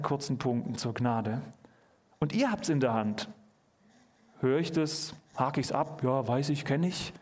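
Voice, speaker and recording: Earnest male preacher with a high voice. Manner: earnest, addresses listeners directly with questions. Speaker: preacher at a youth church service. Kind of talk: sermon. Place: church hall.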